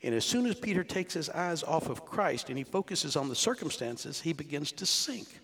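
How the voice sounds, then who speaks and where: This pastor in his sixties delivers a chatty sermon full of rhetorical questions, his fairly high, sing-song voice bright and at an ordinary pace. A faint hiss or hum runs under the recording, and the church hall gives a long reverb.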